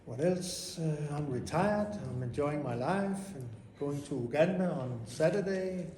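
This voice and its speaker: A man's voice: on the high side, expressive, measured pace, a little mellow. An older man from Denmark, introducing himself plainly as a guest at a club meeting. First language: Danish. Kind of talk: casual self-introduction. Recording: echoey room with background noise.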